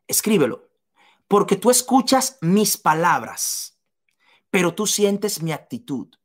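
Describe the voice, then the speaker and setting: A woman's voice: medium pitch, breathy edge. A woman giving a motivational seminar talk to business leaders, emphatic and repeating key phrases to the listener.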